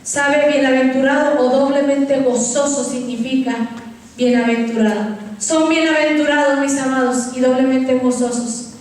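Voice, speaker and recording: A woman's voice: sits high, steady tone, moderate pace, a little mellow. A woman pastor preaching a fervent sermon in a church, often calling her listeners beloved. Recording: echoey church hall from far off.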